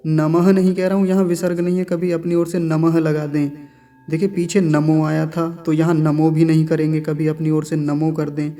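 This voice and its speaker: A man's voice: on the high side, completely flat delivery, moderate pace, warm tone. A man teaching Sanskrit mantra pronunciation, patiently repeating each syllable and explaining sounds carefully.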